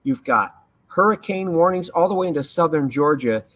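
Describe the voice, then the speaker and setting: A man's voice: on the high side, lively intonation, normal speed, fairly bright tone. A man giving live severe weather commentary as a livestream host, explaining emphatically and repeating key points. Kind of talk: live hurricane commentary over radar.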